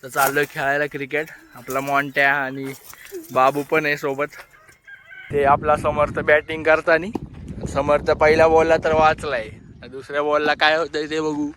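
A man's voice: a little high, monotone, normal speed. A young man from Maharashtra chatting to his viewers as friends while filming a casual village vlog outdoors. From Maharashtra, India. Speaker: vlogger. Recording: outdoor phone recording with loud background noise.

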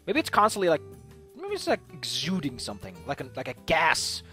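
A man casually commentating as he builds a tabletop game character, playful and thinking out loud. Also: fairly high pitch, wildly swooping pitch, fairly quick, over music. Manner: playful, thinking aloud, mild swearing.

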